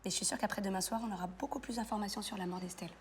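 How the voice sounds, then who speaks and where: A woman's voice: medium pitch, steady tone, slight background noise, lightly acted. An actress playing a brash, stubborn young trainee policewoman who talks bluntly. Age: young adult. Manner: cocky, blunt, quick. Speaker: trainee police officer undercover. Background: loud music score.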